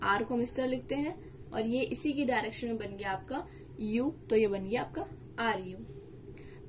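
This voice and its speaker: A woman's voice: high-pitched, slight background noise. A woman teaching shorthand, explaining each step patiently and repeating key terms. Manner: patient, repeats key terms, mixes English words into Hindi.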